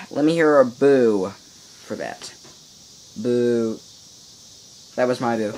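A man's voice: medium pitch, drawn-out words, a little hiss or hum, poor audio. Teen boy ranting playfully on camera. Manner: animated, playful mock-outrage, rambling asides to viewers. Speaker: vlogger. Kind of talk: casual video diary. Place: upstairs room at home. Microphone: microphone in a home room. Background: faint insects chirping.

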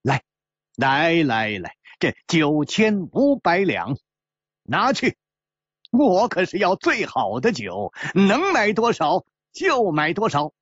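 A man voicing a brash, devil-may-care young male swordsman who gambles and laughs loudly, as a storyteller acting out dialogue. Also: mid-range voice, wildly swooping pitch, a little slow, husky, no echo, highs cut off, full character voice. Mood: cocky, reckless.

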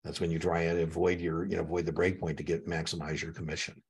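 A man's voice: deep voice, level tone, fast, gravelly, breathy edge. A middle-aged man tutoring a student for an exam in a chatty way, repeating key points and telling anecdotes. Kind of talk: one-on-one tutoring session.

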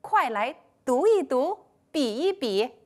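A woman teaching a first-grade class in a scripted online lesson, speaking slowly in a sing-song, encouraging way. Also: high-pitched, big pitch swings, a little mellow. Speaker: primary school teacher.

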